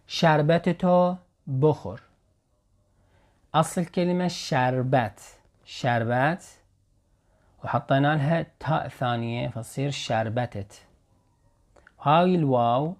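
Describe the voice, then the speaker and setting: Iraqi man teaching Persian phrases. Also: mid-range voice. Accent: Iraqi Arabic. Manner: slow careful repetition of example phrases. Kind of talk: explaining Persian phrases in Arabic.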